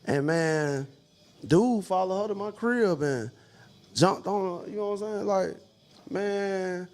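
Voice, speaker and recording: Slangy laid-back man, high voice. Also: lively intonation, slow pace. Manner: laid-back, slangy, swears freely, many fillers. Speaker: podcast panelist. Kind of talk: casual chat.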